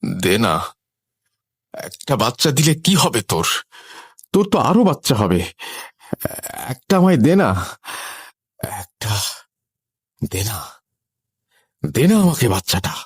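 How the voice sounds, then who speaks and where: A man's voice: medium pitch, very animated, takes it slowly, long pauses, slightly rough, no room sound, clean studio sound, voice pushed up, full character voice. A man voicing a weeping woman spirit begging for a baby. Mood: tearful begging. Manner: pleading, tearful.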